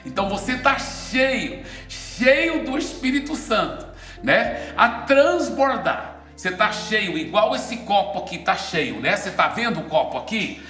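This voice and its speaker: A man preaching and teaching with a glass of water as an object lesson, animated and often checking in with his listeners. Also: high-pitched, measured pace. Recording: echoey room with soft music.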